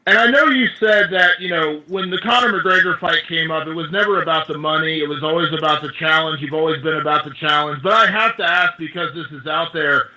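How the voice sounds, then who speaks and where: A man's voice: a little high, fairly quick, hardly any pauses, pushed and bright. A male reporter asking wordy, circling questions on a telephone press conference. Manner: wordy, repeats phrases as he builds questions. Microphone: telephone conference call. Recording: noisy telephone conference line.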